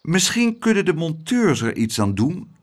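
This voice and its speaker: A man's voice: medium pitch, huge pitch swings, measured pace. Pompous male mayor in a storybook reading, announcing with big swooping intonation; the male narrator voices him. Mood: hesitant. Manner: speechifying, announcing to a crowd.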